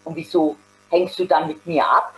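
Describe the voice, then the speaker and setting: A woman's voice: low voice, fairly even intonation, moderate pace, slight background noise, close to an everyday voice, low-quality recording. A woman reading aloud voices a defensive, musing jobless man in a story.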